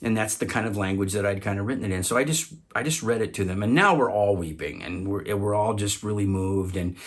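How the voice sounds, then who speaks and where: A man telling a personal story, halting often to repeat and restart his words. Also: lowish voice.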